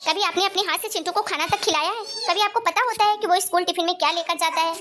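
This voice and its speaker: A woman's voice: very high voice, quick pace, background noise. A woman voicing a hard-working young wife in a cartoon story, earnest and indignant as she defends herself. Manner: earnest, indignant, pleading her case.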